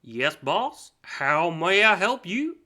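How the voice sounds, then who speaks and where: A man with a cold voicing a loud, eager servant in a rough attempt at a Southern US accent. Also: high voice, big pitch swings, slow pace, voice pushed up, full character voice. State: has a cold.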